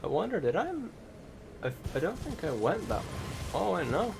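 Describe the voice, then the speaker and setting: A gaming YouTuber delivers casual, rambling voice-over commentary on gameplay, hesitating, thinking aloud and correcting himself over loud video game music and background noise. His creaky voice sits high, moves with big pitch swings and keeps a normal speed.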